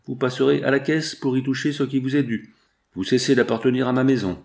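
A man's voice: medium pitch, steady tone, a little fast, creaky, darkish tone, lightly acted. A man voicing a stern middle-aged woman dressmaker who speaks in a dry, curt way.

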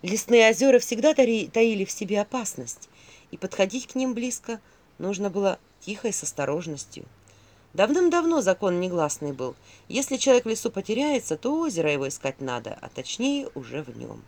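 Expressive fairy-tale narrator. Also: mid-range voice, brisk. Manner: expressive storytelling. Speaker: audiobook narrator.

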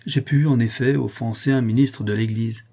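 A man's voice: mid-range voice, fairly even intonation, normal speed, warm tone, husky. A man voicing a defiant young nobleman accused before a tribunal, speaking with raised, indignant force.

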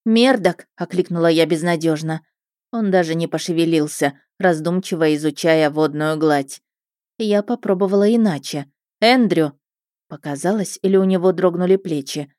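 A woman narrating a first-person story in a lively, expressive way. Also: low-pitched, normal speed, dry recording, studio quality. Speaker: audiobook narrator.

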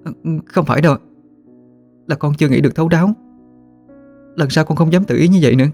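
Apologetic young wife, voiced by a male storyteller, raised pitch, hurried nervous delivery. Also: mellow, faint music behind. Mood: anxious apologetic.

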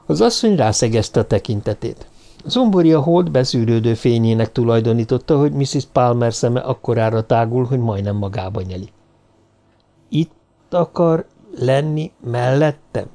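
A man narrating an audiobook in an even, measured reading. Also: medium pitch. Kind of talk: scripted narration.

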